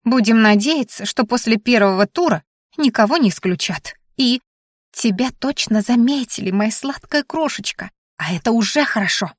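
Lady doing a high fussy furry critter governess, dramatic, all sugary pet names, dry sound. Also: expressive, moderate pace, no room sound. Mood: scolding, doting. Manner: theatrical, coddling pet names, prone to hysterics. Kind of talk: audiobook character voice.

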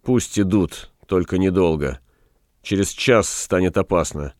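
A man's voice: darkish tone, dry recording, clean studio sound. A man doing a grim, gloomy prisoner. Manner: grim, low and measured.

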